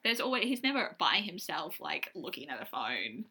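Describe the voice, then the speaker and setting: Woman podcast cohost, chatty rambly chat, super bright voice. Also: low voice, very animated, moderate pace, slightly rough. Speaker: podcast co-host. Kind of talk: casual chat.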